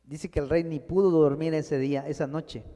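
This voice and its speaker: A male pastor preaches to his congregation, pressing hard on key lines, then dropping low and soft. His voice sits a little high yet sounds dark and mellow. A long church reverb trails behind every phrase. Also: steady tone, normal speed. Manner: preaching, addressing the congregation as brothers, rising and falling emphasis. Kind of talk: sermon.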